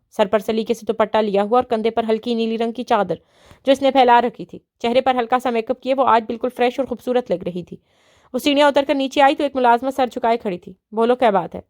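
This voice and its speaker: A woman reading a romance novel aloud as an audiobook narrator, steady and even. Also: fairly high pitch, no echo, clean studio sound.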